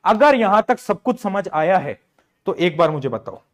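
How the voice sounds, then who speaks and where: Chatty high-voiced male teacher. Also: very animated, moderate pace. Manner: chatty, repeats phrases, mixes English into Hindi. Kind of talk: online class lecture.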